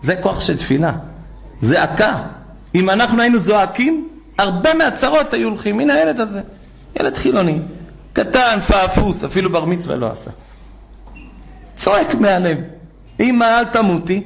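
A man's voice: sits high, gravelly, pauses often, a little hiss or hum. An older man, a rabbi, preaching a sermon and telling stories, acting out the people he quotes. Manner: animated, acts out quoted speech. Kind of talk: sermon with storytelling.

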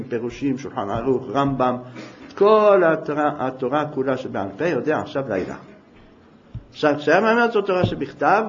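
A man giving a storytelling sermon, dramatic and swinging from hushed tones to shouting. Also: medium pitch. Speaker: preacher. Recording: dull lo-fi recording.

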